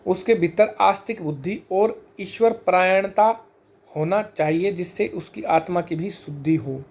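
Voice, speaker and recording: A man giving an explanatory scripture lesson, measured, slowing down to spell out sacred terms one by one. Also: sits high, a little mellow. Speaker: teacher of Vedic scripture.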